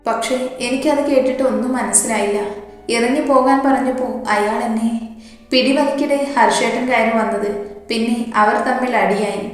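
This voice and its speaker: A woman's voice: on the high side, normal speed, natural voice. Frightened tearful young woman, as a woman reads her. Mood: shaken. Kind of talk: story reading. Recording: echoey reverberant room.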